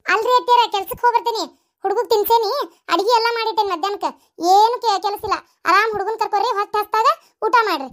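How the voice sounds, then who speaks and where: A brisk village daughter-in-law, voiced by a woman in a cartoon story, with a North Karnataka accent. Her voice is very high and quick, and she chatters on in a fussing way. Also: fairly bright tone. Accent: North Karnataka Kannada.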